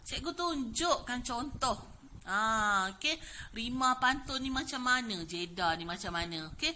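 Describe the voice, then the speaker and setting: A woman's voice: on the high side, expressive, unhurried, sharp tone, slight background noise. A Malaysian woman teacher with a Malay accent giving a lesson to young pupils, chatty and full of fillers like "okey" and "ha". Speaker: primary school teacher. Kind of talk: classroom lesson explaining poetry.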